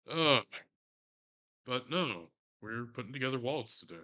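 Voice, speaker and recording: A man's voice: medium pitch, expressive, normal speed, pushed and bright. Profane, rambling Texan man at work. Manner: rambling, profane, self-mocking. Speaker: streamer. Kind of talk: casual crafting stream chat.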